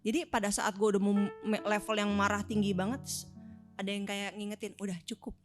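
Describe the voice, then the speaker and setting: A woman's voice: mid-range voice, flat delivery, fairly quick. A married woman, candidly telling a personal story on a faith talk show. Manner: candid, reflective. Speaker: co-host. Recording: music playing under voice.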